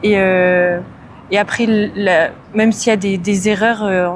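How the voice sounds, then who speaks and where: Measured woman answering a street interview. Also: mid-range voice, fairly even intonation, slight background noise. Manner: measured, frequent fillers. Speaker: passerby.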